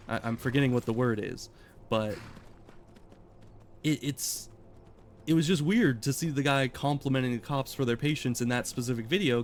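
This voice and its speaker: A man's voice: medium pitch, slight background noise. Rambling male gaming streamer. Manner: rambling, thinking aloud, many restarts. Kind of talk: casual gameplay commentary.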